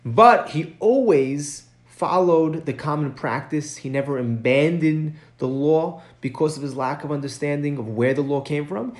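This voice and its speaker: A man teaching a recorded study lesson, explaining a text step by step, often checking in with "right?" and stressing key points with his voice rising. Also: on the high side. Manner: chants source text quickly. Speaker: Mishnah teacher.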